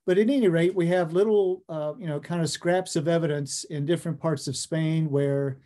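Mellow American man giving a lecture. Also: on the high side, fairly even intonation, moderate pace. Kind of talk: slide lecture with casual, conversational phrasing. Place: indoor room, video call.

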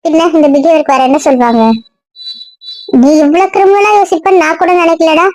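Woman doing a young woman friend, high voice, chiding, dry. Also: a little fast, a little mellow, no echo.

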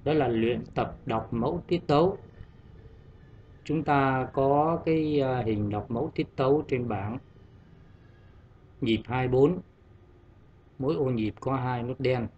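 Male music teacher for young children, slow and patient, recorded lo-fi over quiet instrument backing. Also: mid-range voice, slight background noise. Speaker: primary school music teacher. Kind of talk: classroom music lesson.

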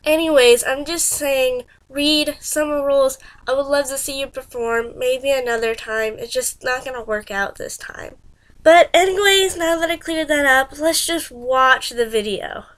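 A woman's voice: high-pitched, a little slow, fairly bright tone. A teenage girl with a stuffed-up nose from a cold, chatting casually and rambling as a fan in a reaction vlog. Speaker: vlogger reacting to a music video. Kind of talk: casual chat.

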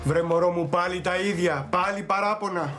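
A man's voice: sits high, music in the background, natural voice. An actor playing a cheating husband who placates his wife and mistress, weary and evasive. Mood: placating.

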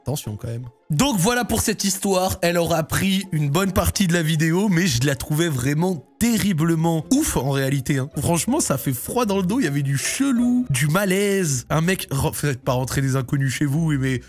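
A man's voice: a little high, expressive, normal speed, hardly any pauses, soft background music. A young man casually telling a strange story to his viewers, rambling and full of slang and fillers. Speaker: YouTube storyteller.

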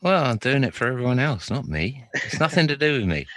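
A man hosting a casual chat, self-deprecating and quick to laugh at himself. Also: mid-range voice, sing-song, fairly bright tone, a little hiss or hum.

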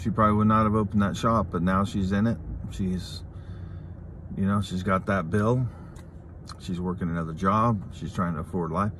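A middle-aged man with a fairly low voice speaks candidly into a phone held at arm's length in a parked car. He is informal and confiding, halting and repeating himself as he goes. There is light background noise. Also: steady tone, a bit bright. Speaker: vlogger, channel host. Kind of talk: casual, candid talk to the camera. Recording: noisy in-car phone recording.

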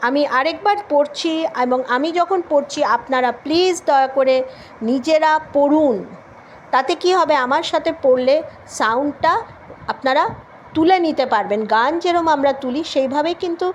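A woman teaching spoken English in a classroom lesson with a Bengali accent, slowly modeling word pairs. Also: high voice, slight background noise.

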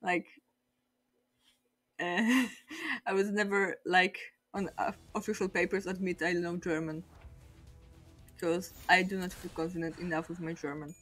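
A woman's voice: fairly low pitch, fairly even intonation, measured pace, pauses often, a bit bright, soft background music. A young woman from Poland with a Polish accent, speaking English as a second language and chatting casually while streaming a game, rambling and self-mocking. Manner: rambling, self-mocking, laughs often between thoughts. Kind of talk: casual chat over gameplay.

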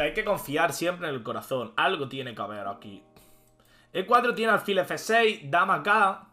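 A man, a chess streamer thinking aloud and commenting live as he plays, excitable and prone to shouting outbursts. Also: on the high side. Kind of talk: live commentary while playing online chess.

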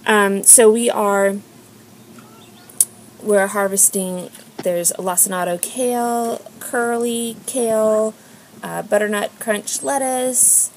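A mid-range, steady female voice belongs to an American home vlogger who takes her time speaking. She gives an informal haul voice-over while filming items on a handheld camera or phone. Expect a noisy, click-filled amateur recording.

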